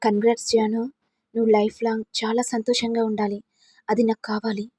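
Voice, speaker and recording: A woman voicing a heartbroken young man who speaks tearfully and haltingly. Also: a little high, level tone, mellow, husky, dry recording, clean studio sound. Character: young man grieving for his love, tearful.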